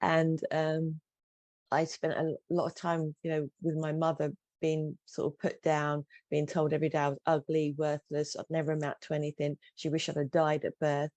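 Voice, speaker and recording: Earnest middle-aged woman, mellow voice. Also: low voice, monotone, normal speed, dry recording. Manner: candid, earnest storytelling with many restarts. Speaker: guest coach. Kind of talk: personal story in an interview.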